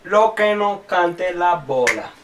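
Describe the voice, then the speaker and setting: A man's voice: sits high, lively intonation, slow, far from the mic, a little hiss or hum. A man with a Venezuelan accent, co-hosting a podcast in playful, laughing banter. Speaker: podcast co-host. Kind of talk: casual chat.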